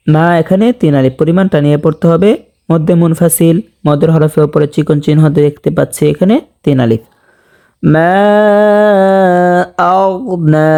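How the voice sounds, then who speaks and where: Man, recitation teacher, slightly high voice, gravelly, slow patient lesson. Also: mellow. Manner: explains rules plainly, then recites slowly and drawn out. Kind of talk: slow step-by-step tajweed lesson with recited examples.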